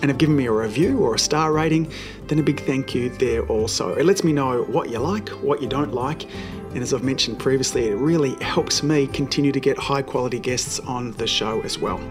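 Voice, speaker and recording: An Australian man with a voice croaky from a cold, hosting a solo podcast in a chatty, explanatory way that addresses listeners directly. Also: medium pitch, a little fast, over music. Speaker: podcast host, chiropractor.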